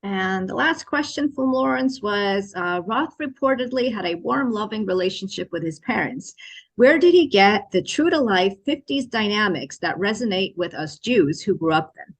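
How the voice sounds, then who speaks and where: A woman moderating a book club, reading out audience questions in a measured way. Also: medium pitch, expressive.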